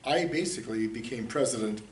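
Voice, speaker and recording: This casual interview features a community theater director, a man in his sixties who grew up in the United States, giving easygoing, meandering answers punctuated by chuckles. He speaks at medium pitch and a little fast. Sound has a roomy echo, faint hiss, and distant miking.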